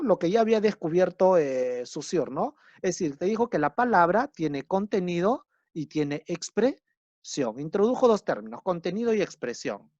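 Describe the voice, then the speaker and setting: A man's voice: high voice, darkish tone, no echo. A man teaching a class, explaining patiently, repeating key terms and checking understanding with frequent tag questions. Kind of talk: recorded lecture. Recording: dull lo-fi recording.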